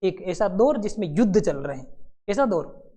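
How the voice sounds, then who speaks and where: A male teacher giving a lively classroom lecture to students preparing for competitive exams. He tells stories and acts out scenes, with quick asides. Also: sits high. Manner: storytelling, acting out scenes and voices, quick asides.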